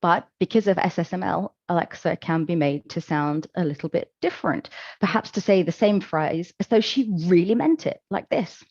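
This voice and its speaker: A woman giving a conference presentation, explaining in a measured, calm way with occasional fillers. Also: lowish voice, no echo, lo-fi sound. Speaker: conference speaker. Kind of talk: presentation talk.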